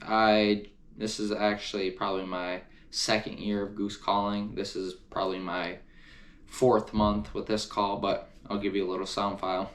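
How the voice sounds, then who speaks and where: A man's voice: on the low side, flat delivery, normal speed, a bit bright. A man talking casually to camera as he reviews hunting gear, enthusiastic and repeating words for emphasis.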